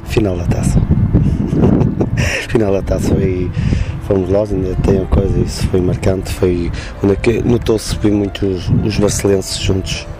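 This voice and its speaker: A man with a northern Portuguese accent chats in an interview. His voice is low and his phrases come haltingly, with music clearly playing behind. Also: flat delivery, poor audio. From Guimarães, northern Portugal. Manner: halting, loosely strung phrases. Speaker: football supporters' group leader. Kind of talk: casual interview talk.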